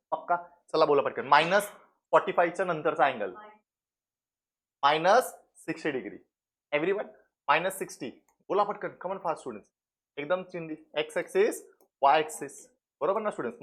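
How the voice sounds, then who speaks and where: A math tutor with a Marathi accent runs his class at a brisk clip. He fires short questions at the students and answers them himself, slipping English words in between. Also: fairly high pitch. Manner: mixes English into the teaching. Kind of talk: classroom lecture.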